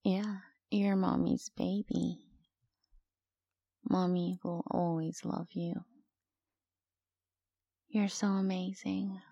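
Slow whispering woman, breathy and gravelly. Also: on the low side, little pitch movement, warm tone, no room sound. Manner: slow, cooing, mostly whispered. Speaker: audio roleplay performer. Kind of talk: whispered intimate audio roleplay.

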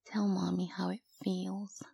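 A woman in a whispered intimate audio roleplay, talking slowly in a soft cooing manner close to the microphone. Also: on the low side, flat delivery, vocal fry, breathy edge, dry recording. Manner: slow, cooing, mostly whispered.

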